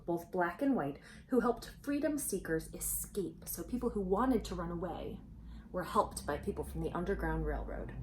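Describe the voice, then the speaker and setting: A woman with a lowish voice reads a children's storybook aloud with lots of expression, stopping for conversational asides and questions aimed at young listeners. The recording is low quality, with slight background noise.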